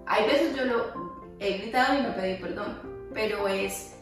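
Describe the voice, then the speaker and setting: A woman chatting casually as co-host, telling stories in an animated way. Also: mid-range voice, a little slow. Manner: storytelling, animated. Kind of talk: casual chat. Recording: echoey room, far from mic, with music.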